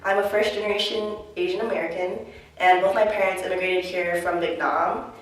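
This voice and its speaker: A young adult college student, a native Chinese speaker, talks fairly quickly in a lowish, fairly even voice while casually and thoughtfully answering an interview, peppering it with "like." The room echoes and the mic sits far off.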